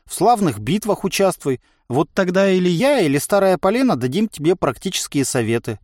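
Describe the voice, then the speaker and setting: A talkative, wry inner voice of a man, as a reader puts it on for an audiobook, raised and lively in pitch. It reasons and teases at length, close and dry. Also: fairly quick, dry recording. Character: chatty bodiless male inner voice, wry.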